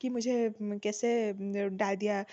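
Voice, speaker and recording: A young woman in her twenties telling her own exam story in a casual, animated way, often laughing and pausing with fillers. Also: medium pitch, no echo. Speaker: bank officer sharing her exam story. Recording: dull lo-fi sound.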